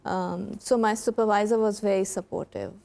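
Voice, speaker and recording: Pakistani woman on a chat show, telling stories kinda haltingly, mid pitched voice. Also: fairly even intonation, creaky, warm tone. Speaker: guest, aerospace engineer. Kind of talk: conversational anecdote on a talk show.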